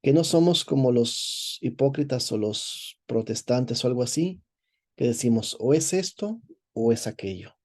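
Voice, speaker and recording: Man, priest giving a class, mellow tone, explanatory, repeats himself. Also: medium pitch, expressive, unhurried. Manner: digressive, repeats words while searching for phrasing; explanatory, asks "verdad?" to check with listeners. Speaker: priest teaching a course. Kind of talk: lecture, reading and commenting on a text.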